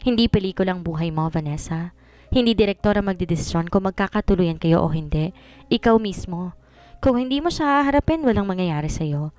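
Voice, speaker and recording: A frank young female cousin giving firm, lecturing advice, as a woman narrator puts her on. Her voice is smooth and clear, recorded close and dry. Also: lowish voice, expressive, fairly quick, darkish tone, dry recording, lightly acted.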